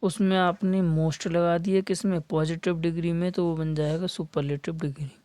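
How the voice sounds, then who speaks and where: Male exam-prep tutor, mellow and patient, spells things out, dry close sound. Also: on the high side, little pitch movement, dry recording. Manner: spells words letter by letter and repeats key terms; stretches words slowly for emphasis. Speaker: English teacher for competitive exams. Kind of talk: classroom lesson.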